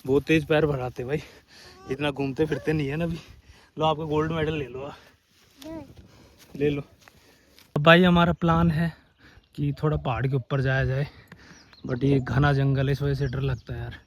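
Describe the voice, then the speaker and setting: A man with a hoarse, scratchy throat narrating a casual outdoor vlog as he walks over dunes and up a forested hill, chatting to his viewers. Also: a little high, flat delivery, normal speed, long pauses. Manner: chatty, keeps calling viewers "brother". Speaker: vlogger.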